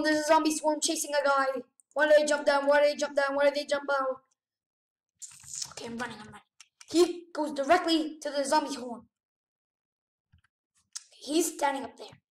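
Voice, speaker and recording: A woman giving excitable let's-play commentary on a game, gasping often and firing off rapid repeated exclamations. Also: sits high, roomy sound, distant mic. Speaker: gaming channel host.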